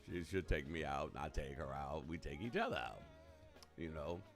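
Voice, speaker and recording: A man's voice: extremely low pitch, normal speed, soft background music. A man hosting a live radio show, talking casually and colloquially and laughing often. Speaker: radio host.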